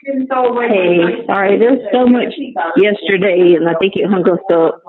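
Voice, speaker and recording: A woman's voice: medium pitch, measured pace, a loud crowd. An incarcerated woman talking casually on a prison phone, rambling through her day in a chatty way. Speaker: incarcerated caller. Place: jail housing unit. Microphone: jail phone or tablet. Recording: tinny prison phone line.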